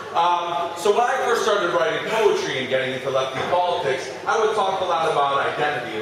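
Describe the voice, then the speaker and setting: Chatty American man in a booming echoey hall. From western Massachusetts, USA. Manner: chatty, joking, loud. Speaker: performance poet leading a workshop. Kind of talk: casual talk to an audience. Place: event room with a live audience. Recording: very echoey hall, distant mic, audience noise.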